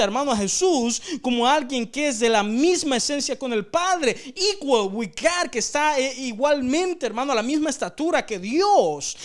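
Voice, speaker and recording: In a Bible study he leads, a man with a very high-pitched voice speaks earnestly, frequently saying brother to his listeners and going over phrases again for emphasis.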